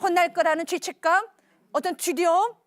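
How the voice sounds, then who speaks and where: A woman preaching a sermon, telling a story in an animated way and asking the congregation questions. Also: very high voice, moderate pace, dry recording. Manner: animated storytelling, acts out dialogue.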